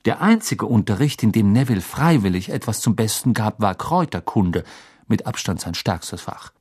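A man reading an audiobook as narrator, measured and expressive storytelling. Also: on the low side, breathy edge. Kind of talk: scripted narration.

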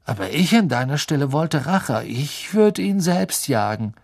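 Brief: a man playing a sneering teen bully, sly and needling, raised pitch, gravelly. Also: big pitch swings, measured pace, a little mellow, full character voice. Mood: taunting. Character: spiteful scheming schoolboy, thin-lipped bully.

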